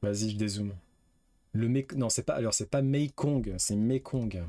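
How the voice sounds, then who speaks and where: A man's voice: lowish voice, fairly even intonation, a little fast, warm tone, no room sound. A man streaming a quiz game, reading questions aloud, guessing and swearing casually. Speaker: gaming streamer.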